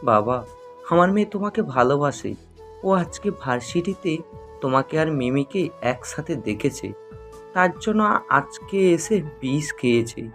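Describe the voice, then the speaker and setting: A man's voice: on the high side, animated, a little slow, a bit bright, soft background music. A man voicing an older father who pleads through tears, in an audio story. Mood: tearful pleading. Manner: tearful and begging.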